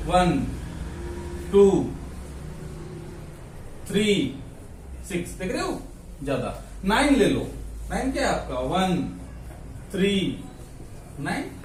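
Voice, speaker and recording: Man, maths teacher, classroom lesson, high voice, echoey room, faint background noise. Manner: repeats "ठीक है ना", counts steps aloud. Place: classroom with students. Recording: echoey classroom, mic far off.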